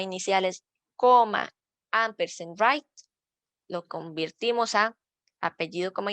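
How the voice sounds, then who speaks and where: A woman leads an online workshop as a librarian, walking through the rules step by step. Her voice carries a gravelly, creaky edge. It is recorded close and dry, with no room sound. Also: medium pitch, a bit bright, no room sound. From Costa Rica. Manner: patient, explains step by step with slides. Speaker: librarian teaching citation style.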